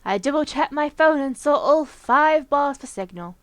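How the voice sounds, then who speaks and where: Brief: let's play host reading a visual novel; young woman, bright-ish high voice, playful and chatty, dry recording. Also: animated, normal speed, no echo. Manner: playful, giggly, chatty asides between narration.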